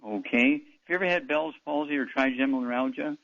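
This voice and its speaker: A man's voice: medium pitch, fast, creaky, dry recording, lo-fi sound. A man hosting a call-in radio advice show, blunt and dismissive, often interrupting callers. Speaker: radio talk show host.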